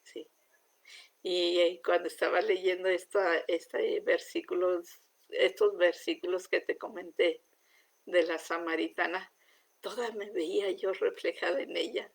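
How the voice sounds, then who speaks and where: Slow, gravelly woman testifying. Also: on the low side, fairly even intonation. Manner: heartfelt, often sinking to a soft, near-whispered voice. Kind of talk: spoken religious testimony.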